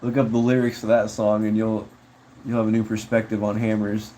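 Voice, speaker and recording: A man's voice: fairly low pitch, flat delivery, brisk, mellow, a little hiss or hum, rough recording. A man chatting casually on a livestream, rambling laid-back about viewer comments and calling people bro and dude. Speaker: streamer.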